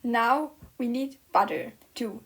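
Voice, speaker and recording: A woman's voice: fairly high pitch, slow. Playful woman narrating her baking. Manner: playful, mock-dramatic asides. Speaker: co-host baking. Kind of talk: casual cooking vlog narration.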